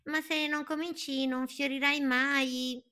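A woman voicing a small, kind, curious bird in a children's story, gentle and encouraging. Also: high-pitched, little pitch movement, takes it slowly, pitched above the performer's own voice, heavily acted.

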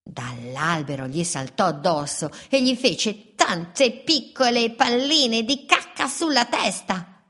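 A woman reading a children's story aloud in a playful, expressive way, with repeated refrains. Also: a little high, slow pace.

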